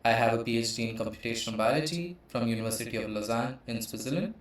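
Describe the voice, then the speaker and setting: A man in his thirties from India runs a teaching channel, walking through computational biology from a slide deck. He talks fast but hesitantly, filling gaps with frequent "uh"s, in a mid-range pitch that rings out in a very echoey room.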